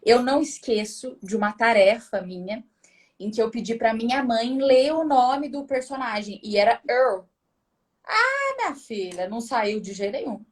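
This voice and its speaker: A woman hosting a relaxed interview, chatty and reading out viewer questions. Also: on the high side, moderate pace. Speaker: show host.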